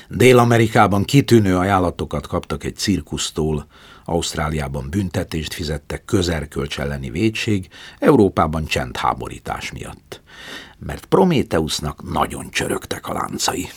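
A man narrating a story dramatically, swinging between loud passages and whispers. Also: low voice, breathy edge, no echo. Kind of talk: storytelling reading.

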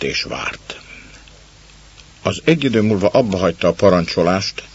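A man reading a story aloud in calm, measured narration, on a dull lo-fi recording. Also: low voice, breathy edge.

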